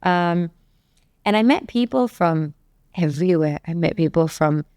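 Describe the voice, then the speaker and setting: A chatty woman with a smooth, clear voice, recorded dry and close. She talks in a relaxed panel chat, telling stories lively and acting out whole conversations. Her voice sits a little low for a woman. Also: unhurried, no echo. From Malaysia. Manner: chatty, animated storyteller, acts out quoted exchanges. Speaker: guest, youth entrepreneurship advocate.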